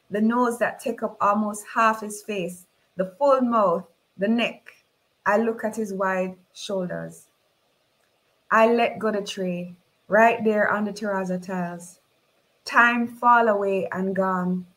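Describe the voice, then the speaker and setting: A woman author, reading her own novel aloud in a slow, measured way. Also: medium pitch, fairly even intonation, a bit bright, rough recording.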